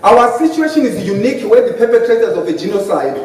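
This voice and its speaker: A man's voice: sits high, very animated, fast talker, a little mellow. Impassioned Zimbabwean man in echoey hall. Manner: impassioned, emphatic, switching between English and Ndebele. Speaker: political party panelist. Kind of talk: debate speech. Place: hotel conference hall. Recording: very echoey hall, distant mic, faint noise.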